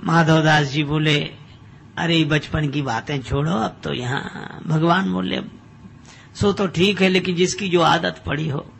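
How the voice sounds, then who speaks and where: An older man giving a humorous devotional discourse, telling a story and acting out its characters' dialogue with shifting loudness. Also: a little high, steady tone, unhurried, creaky, a little hiss or hum. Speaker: spiritual discourse speaker.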